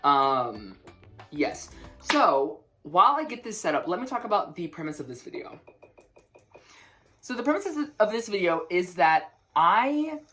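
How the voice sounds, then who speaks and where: Young woman, low voice, slight lisp, nervous rambling vlogger with quiet music in the background. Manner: rushed, rambling, self-interrupting, stutters. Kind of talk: casual chat to camera. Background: faint music.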